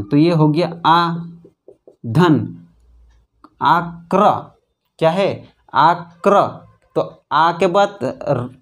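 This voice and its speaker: Slow, repetitive male grammar teacher. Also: on the high side, darkish tone. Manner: repeats questions to students, calls them friends; slow, drawn-out syllables when spelling letters. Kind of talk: classroom grammar lesson.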